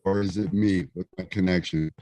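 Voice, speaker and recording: Committee chair calling in by phone on a video call: a man with a low, mellow voice, plain and unhurried. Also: steady tone, no echo. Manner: plain, unhurried, many "uh" fillers. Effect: speaking over a video call from a phone, connection breaking up. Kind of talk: chairing a public board meeting.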